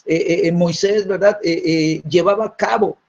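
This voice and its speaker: A man's voice: high voice, fairly even intonation, normal speed, darkish tone. A man preaching a sermon, dropping tag questions after nearly every phrase and repeating words as he restarts. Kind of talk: sermon teaching. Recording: dull lo-fi recording.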